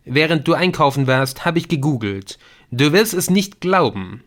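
A man voicing an excitable young man in an audiobook, talking urgently and emphatically. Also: a little high, moderate pace, voice pushed up. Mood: excited. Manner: urgent, emphatic, a little brash.

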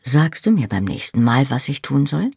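A woman voicing a hushed, earnest young man. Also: a bass voice, very animated, moderate pace, vocal fry, slightly rough, no room sound, studio quality, exaggerated voice. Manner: soft hushed whispering delivery. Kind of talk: audiobook reading.

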